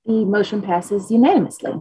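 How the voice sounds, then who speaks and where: A woman's voice: medium pitch, brisk, background noise. A woman chairing a formal government commission meeting in a courteous, procedural manner.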